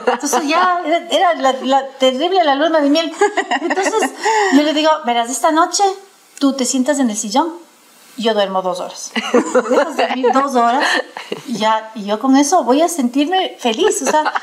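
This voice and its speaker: Middle-aged lady, really high voice, lively chatty storytelling, laughs a lot while talking. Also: moderate pace. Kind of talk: casual chat.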